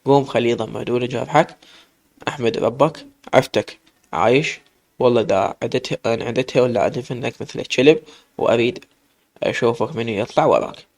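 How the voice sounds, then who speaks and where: A man's voice: medium pitch, fast talker, creaky, a little mellow. A man with an Iraqi accent voicing a hot-tempered tough young sheikh, harsh and commanding. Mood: furious.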